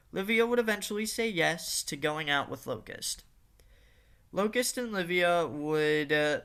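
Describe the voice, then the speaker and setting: A man's voice: a little high, sharp tone, clear, resonant tone. A man narrating a fan-made story in a casual reading style, with occasional fillers and restarts.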